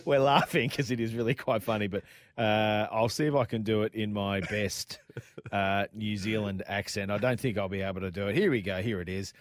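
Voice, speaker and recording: A man's voice: on the low side, fairly even intonation, normal speed, no room sound. A man co-hosting a radio show, joking and reading out listener texts. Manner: jokey, reads listener texts with a laugh. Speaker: radio co-host. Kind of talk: casual radio banter.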